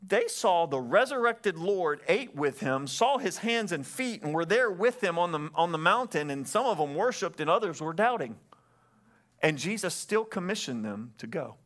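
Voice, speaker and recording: Preaching a sermon in a church sanctuary, this pastor speaks into a stage microphone with a high, sing-song voice at a moderate pace and a fairly bright tone. He is earnest, frequently asks for an amen, and keeps repeating himself.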